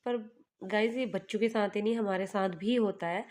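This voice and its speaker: A woman's voice: mid-range voice, steady tone, moderate pace, a little mellow. A woman in her thirties from Uttarakhand, a mother narrating her day in a casual family vlog with a chatty, homely storytelling manner. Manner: chatty, homely storytelling that speaks to viewers as "guys".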